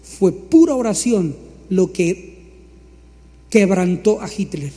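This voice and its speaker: A male pastor preaching in a high, ringing voice. He builds his points through repeated phrases and slips into mocking mimicry of others. His voice carries a long reverb from a large hall. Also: animated, takes it slowly, mellow. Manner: emphatic preaching with rising repetitions. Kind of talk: sermon.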